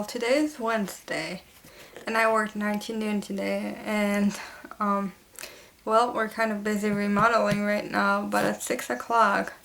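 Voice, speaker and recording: Chatty young woman talking to her camera at home, kinda gravelly, keeps fixing what she says. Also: fairly high pitch, a bit bright, a little hiss or hum. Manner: chatty, rambling, self-correcting. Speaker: vlogger. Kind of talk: casual home vlog chat.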